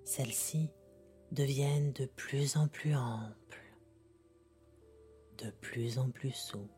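Woman doing a bedtime sleep story style meditation, super slow n breathy half whisper, calm, music behind. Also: rumbling low. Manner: calm, gentle, unhurried with long pauses. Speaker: guided sleep meditation narrator. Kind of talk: soothing guided meditation narration in the manner of a sleep story narrator.

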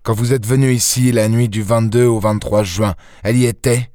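A man's voice: medium pitch, steady tone, moderate pace, mellow, no room sound, clean studio sound, close to an everyday voice. A man reading an audiobook and voicing a desperate, cornered safecracker who talks in a blunt, clipped, resentful way. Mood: bitter, defeated.

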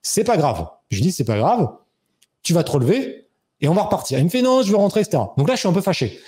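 Male guest, thirties, quick animated storyteller who acts out the dialogue. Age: 30s. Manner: animated, acts out quoted dialogue with raised pitch. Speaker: interview guest. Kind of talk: casual storytelling.

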